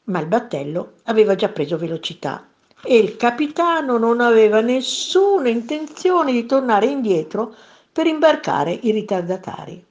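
Animated woman reading a children's story. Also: fairly high pitch, normal speed, muffled recording. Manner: expressive, playful storytelling. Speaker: narrator.

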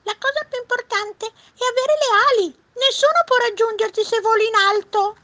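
A woman voicing a shrill little bird who chirps as she talks, in a children's storybook reading. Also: moderate pace, pushed and bright. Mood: boastful.

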